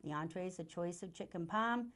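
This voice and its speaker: A woman's voice: on the low side, a little fast, fairly bright tone. An older woman co-hosting a community show, chatting and reading out local announcements. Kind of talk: casual chat and reading announcements.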